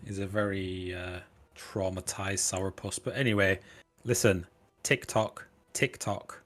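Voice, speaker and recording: A man voicing an authoritative noblewoman leading a caravan, brisk and commanding. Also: low voice, fairly even intonation.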